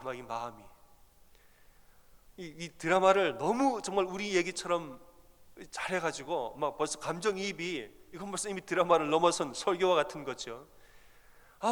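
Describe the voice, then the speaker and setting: A male pastor preaching a sermon, telling a story in an animated way and acting out the people in it. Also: a little high, long reverb tail.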